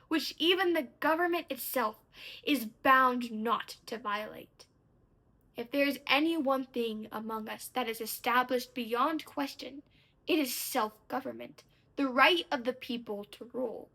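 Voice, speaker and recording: A woman with a high-pitched voice gives a formal declamation. Her tone is bright and forceful. She speaks with precise, careful elocution, setting off key phrases with deliberate pauses. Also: low-quality recording. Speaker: speech contest competitor. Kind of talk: formal declamation of a historical speech.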